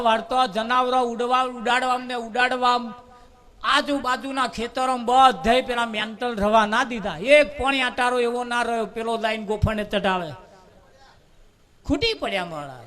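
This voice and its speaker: A male devotional storyteller spins a comic parable for his gathering. His voice runs very high and rings bright and sharp. He stretches scenes by repeating words again and again, keeping the tale lively. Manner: lively storytelling with drawn-out word repetition. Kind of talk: humorous spoken parable.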